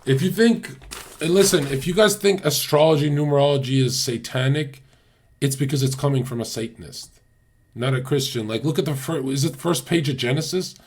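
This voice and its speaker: A man's voice: on the high side, fairly quick, a little mellow. A man hosting a casual livestream, talking bluntly to his chat and swearing often. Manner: blunt, swears a lot, talks straight to chat. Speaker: livestream host.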